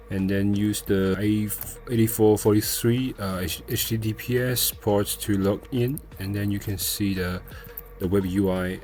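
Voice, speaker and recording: A low-pitched man with a darkish tone presents an unscripted, step-by-step screen tutorial for software. His delivery is hesitant and halting, broken by searching pauses.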